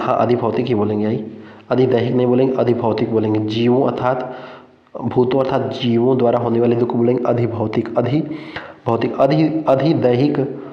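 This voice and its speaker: A man leads an exam-prep lesson, repeating each term over and over and putting questions to his listeners. His delivery stays flat and even. The sound is dull and lo-fi, with a long, roomy echo. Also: mid-range voice. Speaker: Hindi exam-prep teacher. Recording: echoey, dull lo-fi room sound.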